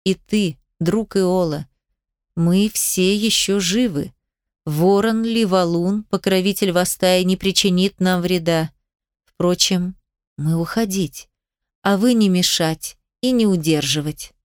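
Foreign male envoy, grave and insistent, slow measured speech, broken grammar, woman reader. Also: on the low side, smooth, no room sound, studio quality.

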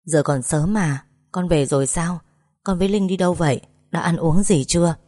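A woman doing a gentle, caring mother. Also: lowish voice, moderate pace, close to an everyday voice. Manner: gentle, advising.

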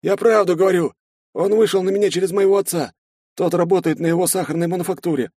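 A terrified young sergeant, near tears, begs in a thin, high, strained voice. The pleading sound is dry and close with no room around it. It reads as an audiobook character voice. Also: male voice, fast, mellow, no echo. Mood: frightened pleading.

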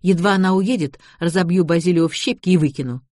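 A woman reading a first-person audiobook narration in a wry, expressive manner. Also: lowish voice, fast talker, no room sound, clean studio sound. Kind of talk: scripted narration.

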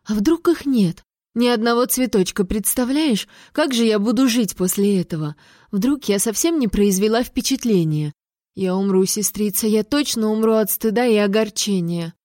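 A woman's voice: medium pitch, moderate pace, warm tone, no room sound, studio quality, natural voice. A woman voicing a young noble girl who pleads and whines to her older sister. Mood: pleading. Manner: whiny, pleading.

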